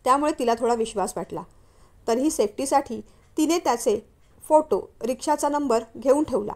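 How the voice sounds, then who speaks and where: Woman reading a story aloud, high voice, steady even telling. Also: moderate pace. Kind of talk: scripted narration.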